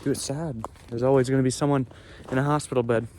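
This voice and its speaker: A young man chatting casually to camera outdoors, halting and pausing as he bears the cold. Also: medium pitch, steady tone, darkish tone. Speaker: vlogger. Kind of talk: casual unscripted vlog chat to camera. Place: outdoors in cold stream under a small bridge. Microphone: handheld phone or camera. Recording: clear outdoor background noise, ambience.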